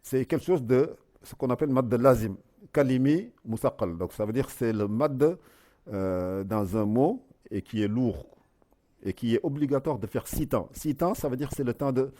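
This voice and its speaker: A man teaching how to recite the Quran, explaining the rules and then drawing out the sounds slowly, syllable by syllable, as he repeats them. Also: mid-range voice, lively intonation, mellow.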